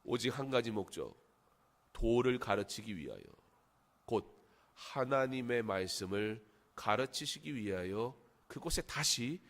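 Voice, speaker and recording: A middle-aged man preaches a Sunday sermon from a church pulpit, his voice sitting at an ordinary middle pitch. He drops to quiet, low asides, then climbs into loud, emphatic lines. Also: expressive, a little slow. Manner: swings between soft asides and rising emphatic preaching. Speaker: pastor. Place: church sanctuary.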